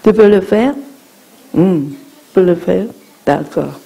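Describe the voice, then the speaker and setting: Woman interpreting a kids' dharma talk, gentle, dark gravelly voice, walks them thru breathing. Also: on the low side. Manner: slow, gentle, guides breathing exercises. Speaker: interpreter of a teaching for children.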